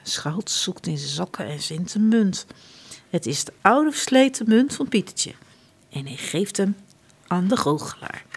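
A woman reading a children's storybook aloud, expressive and hushed at times. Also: mid-range voice, a little slow, vocal fry, husky.

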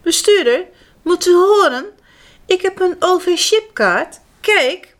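A woman's voice: extremely high pitch, animated, takes it slowly, pitched above the performer's own voice, full character voice. A woman voicing a polite, cheerful male elephant in a children's storybook.

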